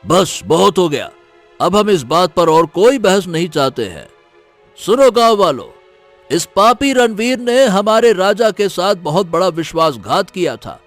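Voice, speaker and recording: A man's voice: sits high, no room sound. An actor playing a stern middle-aged village headman who speaks with commanding authority. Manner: commanding, pronounces judgment.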